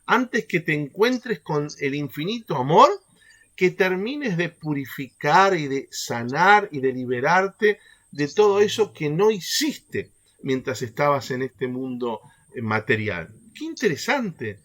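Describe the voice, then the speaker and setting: Lively man leading a faith workshop. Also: a little high, measured pace. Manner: animated, keeps checking in with the group through rhetorical questions. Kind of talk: teaching a catechesis workshop.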